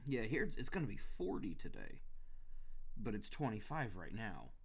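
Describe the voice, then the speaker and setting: A man's voice: fairly low pitch, huge pitch swings, normal speed, vocal fry, slightly rough. A man co-hosting a podcast in casual chat, musing aloud and a little grumpy. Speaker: podcast co-host.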